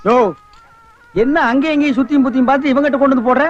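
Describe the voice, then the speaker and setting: A man with a Tamil accent acting a scornful loudmouth who mocks and scolds beggars in a film comedy scene. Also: very high-pitched, steady tone, very fast, highs cut off, noisy background. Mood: scolding. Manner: sharp mocking scolding. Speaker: comedy actor.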